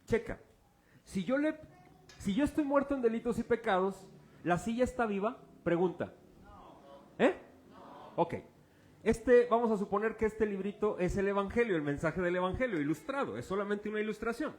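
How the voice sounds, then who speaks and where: A man with a high, animated voice preaches a sermon as a pastor, speaking at normal speed and pausing often. He's informal and joking, quizzing his congregation with fill-in-the-blank questions and using objects as illustrations.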